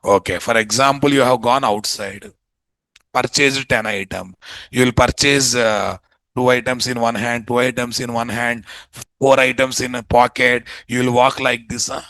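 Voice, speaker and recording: A man with a Telugu Indian accent teaching a programming class in an animated, colloquial way, often putting rhetorical questions to the students. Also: mid-range voice, normal speed, no room sound. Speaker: programming instructor. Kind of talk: interactive classroom lecture.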